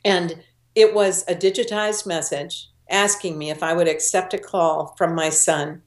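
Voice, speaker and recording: A woman's voice: lowish voice, fairly even intonation, unhurried. A middle-aged woman, a guest in an interview, telling a personal story earnestly and voicing the people she quotes. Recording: roomy echo.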